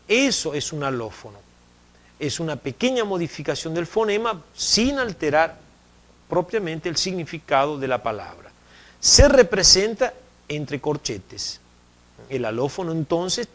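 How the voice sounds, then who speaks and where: In a recorded distance-learning lecture, a university Spanish lecturer with a fairly high-pitched voice explains phonology. He repeats key terms and checks that listeners follow with "¿eh?".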